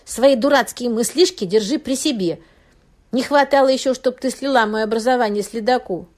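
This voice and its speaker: A woman's voice: fairly high pitch, normal speed, voice pushed up, natural voice. A woman voicing a pushy female friend who coaxes and then shrieks in anger. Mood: shrill angry. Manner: coaxing, then shrieking and snapping.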